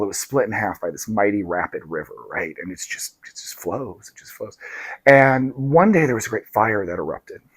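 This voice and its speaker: A man's voice: mid-range voice, breathy edge, no room sound. A man who reads tarot telling a fable in a casual, conversational way, often tossing in "right?". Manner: conversational, tag questions, addresses listeners as dark and lovely souls. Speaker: tarot reader and storyteller. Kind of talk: casual storytelling to followers.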